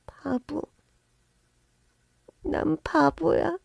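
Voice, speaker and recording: Woman as a heartbroken young wife, soft, slow, near whisper. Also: high voice, steady tone, creaky, dry recording, studio quality, voice pushed up, heavily acted.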